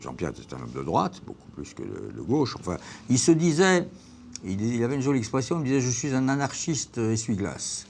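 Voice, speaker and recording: A man's voice: mid-range voice, big pitch swings, fairly quick, gravelly, darkish tone, slight background noise. A man speaking animatedly in a documentary interview.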